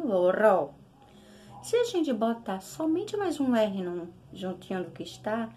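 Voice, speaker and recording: A young Brazilian woman teaching a recorded lesson to small children, drawing out syllables in a slow sing-song way. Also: fairly high pitch, warm tone, a little hiss or hum. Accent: Brazilian Portuguese. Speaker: primary school teacher.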